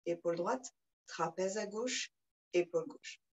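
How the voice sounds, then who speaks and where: A woman leads a yoga session in a calm, guiding voice. Between cues she chants short, rhythmic breath sounds, keeping the class moving. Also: on the low side, unhurried, poor audio. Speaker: yoga teacher. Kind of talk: guided yoga class instruction.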